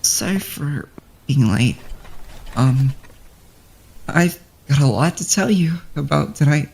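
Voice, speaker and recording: An actor voicing a grieving student in a fan-made game who speaks to friends who have passed on, talking haltingly with stammers and sighs. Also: mid-range voice, lively intonation, vocal fry, darkish tone, slightly rough, full character voice.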